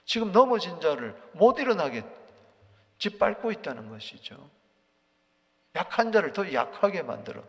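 A man preaches with a gravelly, fairly high voice that swings widely in pitch. He mocks the voices of accusers, then drops to a near whisper. The long church reverb trails after each phrase. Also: sing-song, normal speed, pauses often, a bit bright. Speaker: pastor. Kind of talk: early-morning sermon. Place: church sanctuary.

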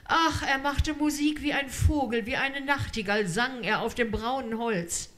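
Slow, measured woman reading a story. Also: high-pitched, a bit bright. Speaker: reader. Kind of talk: literary reading aloud.

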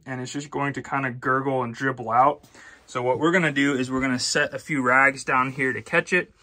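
Male DIY host, relaxed how-to delivery, bright tone, phone-recorded in a basement. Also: medium pitch. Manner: relaxed, explanatory, step-by-step. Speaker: DIY HVAC video host. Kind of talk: casual how-to demonstration. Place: basement utility room, indoors.

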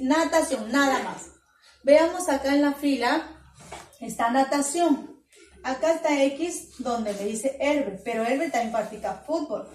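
Peruvian woman, primary school teacher, patient step-by-step explanations, high voice, echoey room off-mic. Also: a little mellow, far from the mic. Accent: Peruvian Spanish. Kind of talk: virtual class lesson. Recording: echoey room, voice away from mic, faint noise.

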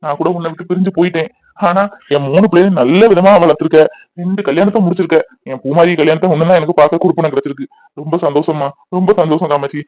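A man's voice: fairly high pitch, steady tone, fast talker, darkish tone, dry recording, natural voice, rough recording. A man voicing a proud older grandfather in a cartoon, earnestly praising his wife.

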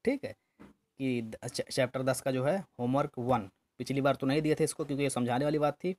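A man's voice: medium pitch, fairly even intonation, darkish tone. Patient man teaching kids phonics. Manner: patient, repetitive, spells out each word slowly. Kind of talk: slow, syllable-by-syllable phonics lesson for small children.

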